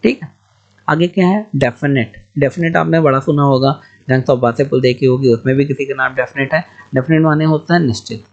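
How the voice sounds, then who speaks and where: Male tutor, gravelly slightly high voice, spells words out patiently, muffled lo-fi recording. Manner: spells words letter by letter, slow and explanatory. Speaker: English teacher. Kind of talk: spoken Hindi English-pronunciation lesson. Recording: dull lo-fi recording.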